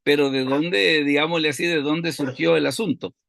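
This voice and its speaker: A man's voice: a little high, fairly even intonation, normal speed, gravelly, a bit bright, no room sound, studio quality. A man teaching a Bible study lesson, explaining step by step and asking and answering his own questions.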